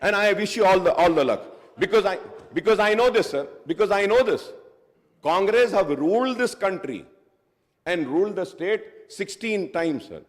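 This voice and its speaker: A man's voice: high voice, animated, very slow. A man giving an argumentative speech as a legislator on the assembly floor, moving between English and Hindustani. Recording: echoey assembly hall.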